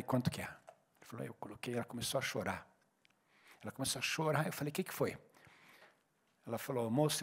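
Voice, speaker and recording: A man's voice: a little high, fairly bright tone. A man with a Brazilian Portuguese accent preaching a sermon as pastor, telling stories and repeating emphatic phrases.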